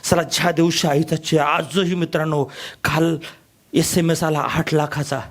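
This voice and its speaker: A middle-aged man giving an emotional motivational speech, shouting and repeating rallying cries to his audience. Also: fairly high pitch, level tone, normal speed. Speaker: motivational speaker.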